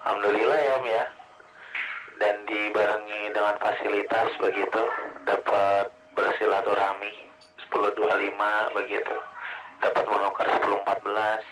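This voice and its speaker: A man's voice: lowish voice, flat delivery, normal speed, fairly bright tone. A man who operates an amateur radio, chatting in clipped call-sign codes and signing off each turn with "over", heard through a two-way radio transmission. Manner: clipped, ends turns with "over". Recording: hissy radio transmission, sometimes distant.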